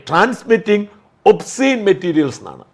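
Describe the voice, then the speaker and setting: A man co-hosts a political talk show, picking apart legal sections one by one. His voice is gravelly and sits a little high. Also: sing-song, normal speed. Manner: argumentative, explains legal sections point by point. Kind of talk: casual political discussion.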